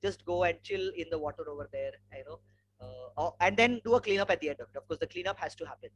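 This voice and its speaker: A man with a polished, educated Indian accent and a fairly high voice talks through a slide presentation. He moves conversationally from point to anecdote. The webinar audio carries clear noise and a hum. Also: lively intonation, fast talker, fairly bright tone. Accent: educated Indian English. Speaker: webinar speaker, environmental educator and trek leader. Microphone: online webinar microphone.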